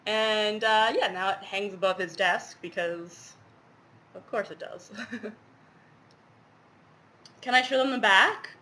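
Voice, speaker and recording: This cross-stitch vlogger, stuffed up with a cold, talks in a mid-range voice that sounds pushed and bright, taking it slowly with long pauses. Her show-and-tell chat about her stitching rambles along, heavy with fillers.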